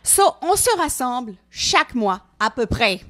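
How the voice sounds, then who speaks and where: A woman's voice: fairly high pitch, very animated, unhurried, fairly bright tone. A woman with a Quebec French accent co-hosting a comedy podcast, emphatic and mock-salesy, sprinkling English words into her French. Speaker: co-host of a live book podcast. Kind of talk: playful live comedy banter.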